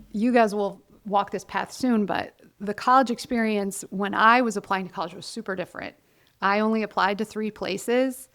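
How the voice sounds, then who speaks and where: A woman in her forties from Ohio, chatting as an interview guest with a gravelly, fry-tinged voice. She speaks candidly and pokes fun at herself. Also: medium pitch. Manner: candid, self-deprecating, quotes others in lively voices. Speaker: guest, college counselor. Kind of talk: casual interview conversation.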